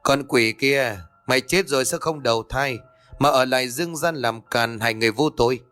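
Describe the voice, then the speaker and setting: A man voicing a stern old village exorcist who talks in a gruff, commanding way in a narrated horror story. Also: medium pitch, brisk, pushed and bright, soft background music, natural voice.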